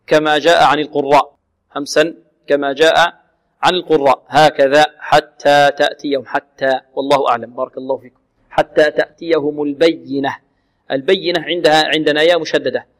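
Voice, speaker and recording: A man teaching Quranic recitation, chanting verses slowly for students to repeat, then explaining pronunciation rules briskly and sounding out single syllables. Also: fairly high pitch. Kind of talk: recitation lesson with modeled chanting.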